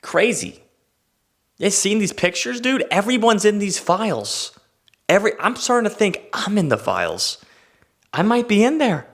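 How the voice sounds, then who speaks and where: A man's voice: high-pitched, moderate pace. A young man hosting a comedy show, ranting in a stand-up style monologue, cursing freely and slipping into mock voices. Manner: animated, swearing, jumps into mock voices.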